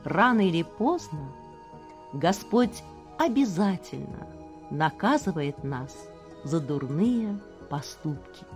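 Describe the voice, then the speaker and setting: A woman telling a legend to children, expressive and speaking straight to her young listeners. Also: sits low, takes it slowly, soft background music. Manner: expressive, addresses listeners directly. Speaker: children's storyteller. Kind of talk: storytelling for children.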